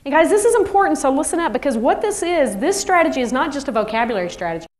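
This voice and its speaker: A lively woman presents to a room of teachers, her voice sitting a little high. She talks with animated energy and often slips into quick impressions of children. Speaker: teacher trainer. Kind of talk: workshop presentation.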